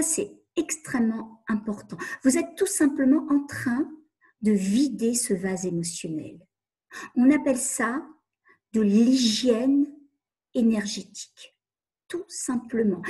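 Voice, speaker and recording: A woman's voice: on the high side, mellow, breathy edge. A woman coach giving a webinar talk on emotions, earnest and repeating phrases as she acts out inner questions. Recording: online webinar.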